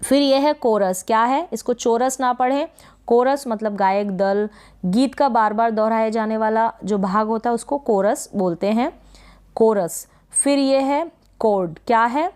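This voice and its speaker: Woman teacher going over spelling rules, smooth clear voice, keeps repeating words and asking the class what they'll read. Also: on the high side, measured pace, darkish tone. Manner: patient, repeats words and asks rhetorical questions. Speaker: English teacher. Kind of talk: spelling and pronunciation lesson.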